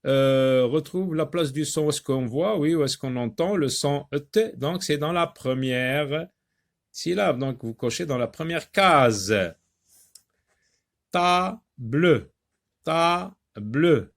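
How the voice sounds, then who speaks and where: A man teaching a reading lesson to young children, repeating words slowly and patiently with many hesitant fillers. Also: fairly high pitch, vocal fry. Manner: slow, patient, repeats words and syllables for learners; frequent hesitations with drawn-out fillers.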